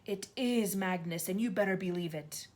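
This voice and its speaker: Magnus, a woman doing a slow, menacing ghost. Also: mid-range voice, a little mellow, lightly acted. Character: ghostly man's voice, slow and threatening.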